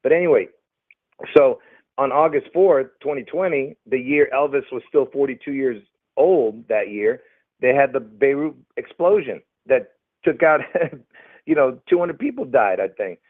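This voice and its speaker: A man's voice: medium pitch, lively intonation, unhurried, dry recording. Rambling man on a tinny line. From Lebanon. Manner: rambling, hesitant, many fillers. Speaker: guest. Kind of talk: casual conversation.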